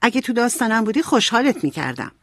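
A woman's voice: on the high side, very animated, no echo, studio quality, voice pushed up. A woman voicing a spirited, outspoken teenage girl in a storybook reading. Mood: irritated.

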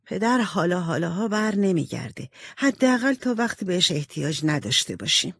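Mrs March, a calm, loving mother of four girls voiced by a narrator in a storybook reading. She speaks slowly and tenderly, her voice only slightly raised and easy. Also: medium pitch, creaky, husky, no room sound, studio quality, exaggerated voice. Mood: solemn.

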